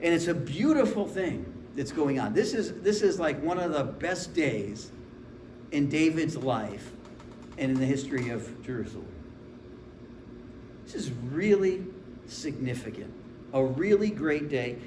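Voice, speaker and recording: A man's voice: on the high side, expressive, a little slow, noisy background. A man in his forties preaching a sermon in a conversational, humorous storytelling way. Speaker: pastor. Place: church sanctuary. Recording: echoey room with faint ambience.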